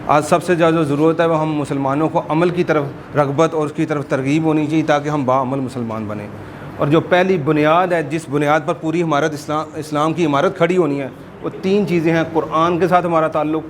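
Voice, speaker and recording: Male Quran teacher, fairly high voice, patient explainer who slows down to model each word, faint noise behind. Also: fairly even intonation. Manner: explanatory, repeats words slowly to demonstrate pronunciation. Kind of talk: informal religious class lesson.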